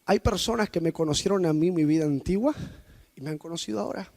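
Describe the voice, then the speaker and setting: A man preaching a sermon, telling personal stories to the congregation and swinging between loud outbursts and quiet asides. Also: a little high, fast talker, creaky. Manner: personal storytelling addressed to the congregation.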